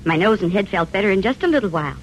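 Lively satisfied customer played by a woman, chipper testimonial. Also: mid-range voice, very fast, close to an everyday voice, rough recording. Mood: pleased, relieved. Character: relieved, satisfied customer in a cold-remedy commercial. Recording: old radio broadcast, faint hum.

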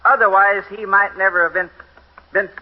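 Actor as easygoing cowboy sidekick, high-pitched, drawling and hesitant; 1950s radio western, lo-fi broadcast. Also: male voice, fairly even intonation, normal speed, natural voice. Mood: casual. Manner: drawling and casual, with hesitant fillers. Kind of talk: 1950s radio drama acting. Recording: dull lo-fi old radio recording.

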